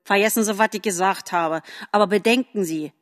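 A woman's voice: mid-range voice, fairly quick, long reverb tail, lightly acted. A woman voicing a bitter, gloomy crow in a storybook, speaking scornfully.

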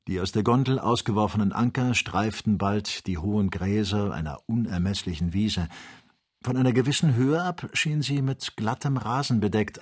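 A man narrating a classic adventure novel as an audiobook, reading in an even, measured way. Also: fairly low pitch, slightly rough. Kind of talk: scripted narration.

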